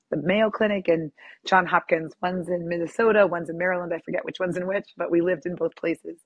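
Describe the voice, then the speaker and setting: A woman's voice: lowish voice, breathy edge, dry recording, lo-fi sound. A middle-aged woman, a yoga teacher, talking as an interview guest, chatty and often laughing with many ums. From born in Lebanon, raised near Boston. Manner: warm, laughing, lots of ums. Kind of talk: casual interview.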